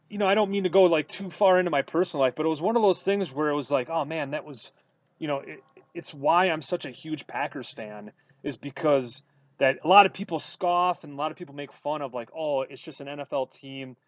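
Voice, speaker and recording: Guy from wisconsin cohosting a podcast, bit high voice, dry muffled sound, lots of "you know". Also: fairly quick, no echo. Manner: animated storytelling with many fillers. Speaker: podcast co-host. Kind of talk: casual sports chat.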